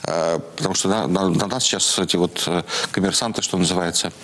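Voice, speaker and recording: A man's voice: low voice, fairly even intonation, brisk, a bit bright. A man hosting a religious call-in program, taking calls and musing with many hesitations. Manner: hesitant, many filler sounds. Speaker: TV host.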